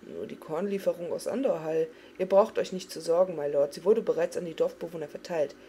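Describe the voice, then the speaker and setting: A woman's voice: lowish voice, fairly even intonation, a little fast, dark tone, slight background noise, lightly acted. A woman doing a reassuring village man. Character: plain male villager, reassuring and puzzled.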